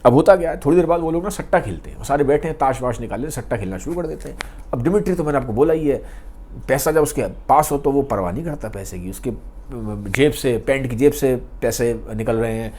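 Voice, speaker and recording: A man retelling a novel in a casual, conversational and expressive way, slipping English words into his talk. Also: medium pitch, quick pace, a little hiss or hum. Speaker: book storyteller.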